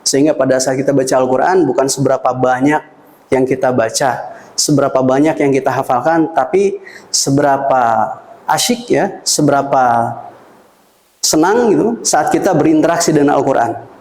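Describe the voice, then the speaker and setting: A man's voice: medium pitch, moderate pace, a little mellow, echoey room, low-quality recording. A man teaching Quran recitation melodies, explaining patiently and singing short demonstrations for listeners to repeat.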